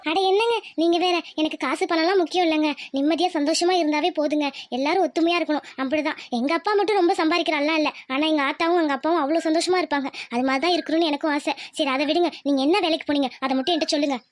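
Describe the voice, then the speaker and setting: A woman voicing a humble, soft-hearted young village wife in a cartoon, pleading in tone. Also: high-pitched, racing, few pauses, lightly acted. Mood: sweet.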